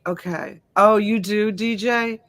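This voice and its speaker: On a live-stream auction, a middle-aged woman whose first language is Italian talks casually with viewers, greeting each by name and filling gaps with lots of fillers. Her voice is medium-pitched, steady, slow, and fairly bright, captured dry on a USB desk mic.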